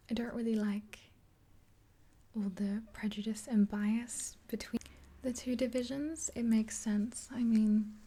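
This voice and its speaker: This is a whispered ASMR roleplay: a woman in her twenties, acting as the listener's makeup artist friend, carries on a one-sided chat close to the mic. Her breathy whisper is mellow and mid-range, soothing yet hesitant. She faces the camera in a small indoor room with a dark backdrop.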